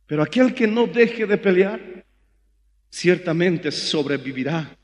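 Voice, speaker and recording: A man with a Bolivian accent preaching a sermon as pastor, fervent and rising to shouts. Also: a little high, long reverb tail. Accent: Bolivian Spanish.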